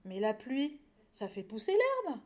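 A woman's voice: sits high, huge pitch swings, measured pace, exaggerated voice. A woman reading aloud, voicing a small cheerful lamb who exclaims eagerly. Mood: coaxing. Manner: bright, exclaiming delivery.

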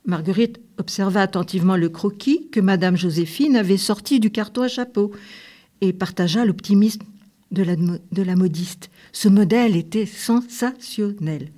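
A woman narrating a storybook in a gentle, measured reading voice. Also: medium pitch.

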